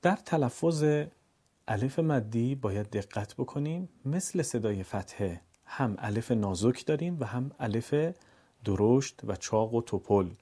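A man teaching Quran reading to Persian speakers, drilling letters and long vowels slowly and deliberately. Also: mid-range voice, lively intonation, mellow, slightly rough. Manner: slow, deliberate drawn-out vowel demonstrations; opens with formal poetic greeting. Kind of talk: recorded lesson, letter drills.

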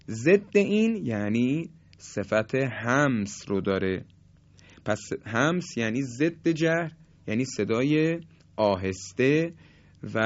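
Man, tajweed teacher, middle pitch, patient lesson, drawn-out demonstrations, dull lo-fi sound. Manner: explains slowly, stretches key terms, demonstrates sounds; polite, formal address to listeners. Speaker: Quran recitation teacher. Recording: slightly dull, lo-fi recording.

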